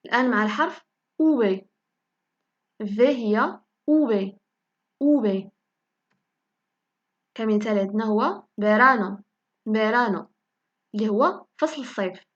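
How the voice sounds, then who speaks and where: Moroccan woman teaching letters slowly. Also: on the high side, animated, lo-fi sound. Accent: Moroccan Arabic. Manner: slow, repeats each word several times for learners. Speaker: language teacher. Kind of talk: spoken lesson in Moroccan Darija.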